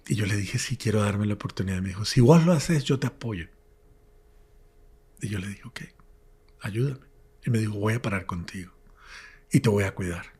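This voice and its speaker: A priest, an older man, earnestly telling his life testimony in an interview and dropping to a hush when recalling his prayers. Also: lowish voice, breathy edge. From Colombia. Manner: earnest storyteller, drops to hushed whispers when recalling prayers.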